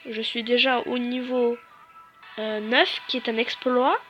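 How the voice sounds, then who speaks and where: A woman's voice: a little high, fairly even intonation, a little slow, lo-fi sound, faint music behind. A young woman giving chatty, self-mocking commentary while playing a video game for her channel. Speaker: gaming YouTuber. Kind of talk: casual gameplay commentary.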